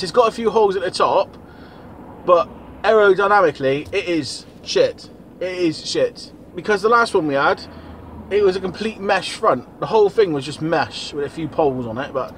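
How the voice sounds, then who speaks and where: A man's voice: high-pitched, a bit bright, slight background noise. A man giving a blokey, informal video diary as a vlogger. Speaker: vlogger and van driver. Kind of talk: casual video diary chat.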